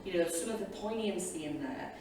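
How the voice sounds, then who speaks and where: Brisk and animated, a lowish-voiced woman teacher sits on a panel giving the audience informal, enthusiastic thoughts that wander off on chatty tangents. The sound is distant and echoey, with loud noise filling the hall.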